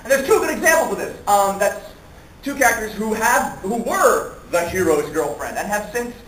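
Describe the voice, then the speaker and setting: A man speaking at a fan convention panel, animated and profane, laughing often and acting out quotes, recorded in an echoey hall from far off. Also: high-pitched, moderate pace, slight background noise.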